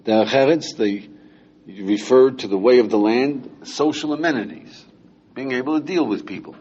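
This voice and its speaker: A man's voice: medium pitch, normal speed, darkish tone, husky. An older man, a rabbi, teaching a class of young men in a conversational, teasing way, often stopping to ask his listeners questions. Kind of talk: informal lecture to students. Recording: dull lo-fi lecture recording with faint hiss.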